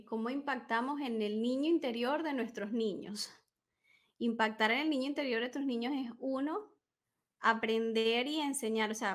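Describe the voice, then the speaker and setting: A woman coach talking in an interview, explaining ideas patiently and acting out little examples of what a parent might say. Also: high-pitched. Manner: warm, explanatory, acts out examples. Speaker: emotional wellness coach. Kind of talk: conversational interview.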